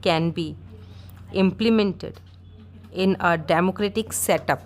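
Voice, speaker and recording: Woman dictating slowly, with measured pauses. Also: fairly low pitch. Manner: slow, measured dictating in short, separated phrases. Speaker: dictation reader for shorthand practice. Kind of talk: dictating a speech for steno practice.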